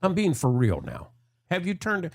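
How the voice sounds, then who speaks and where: A man's voice: on the high side, wildly swooping pitch, moderate pace, vocal fry. A man hosting a casual talk show interview, enthusiastic and supportive. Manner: enthusiastic, supportive, frequent affirmations.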